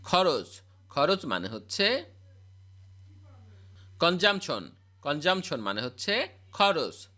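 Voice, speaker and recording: Male English tutor, lively, slightly high, recites word pairs in steady repetition. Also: takes it slowly, pauses often. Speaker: spoken English teacher. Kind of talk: scripted vocabulary drill.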